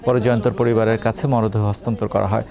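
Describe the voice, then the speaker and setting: A man reading a scripted news bulletin as presenter, in a brisk, formal delivery. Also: fairly low pitch, little pitch movement, vocal fry, mellow.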